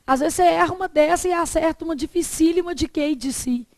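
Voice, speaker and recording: A woman's voice: very high-pitched, fast talker, a little mellow, no echo. A Brazilian woman teaching a Portuguese class, putting questions to her students and answering them herself. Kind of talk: classroom lesson on exam questions.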